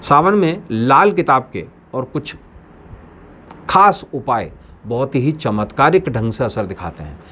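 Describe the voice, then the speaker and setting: An astrologer hosting his own channel declaims a scripted talk to his viewers, hammering home emphatic, repeated phrases. His mid-range voice swings widely in pitch, runs a little slow and fairly bright, with slight background noise.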